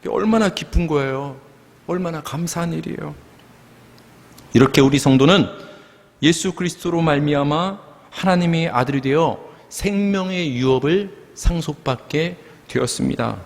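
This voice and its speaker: A man's voice: a little high, normal speed, gravelly. A middle-aged man preaching a sermon as pastor of a church, leading the congregation to call out together. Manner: earnest preaching, leads the congregation in calling out together. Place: church sanctuary. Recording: long church hall reverb.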